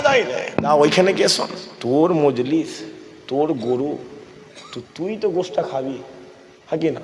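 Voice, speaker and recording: A man preaching a waz sermon, shifting from chanted, shouted passages to conversational asides that question the crowd. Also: medium pitch, a little hiss or hum.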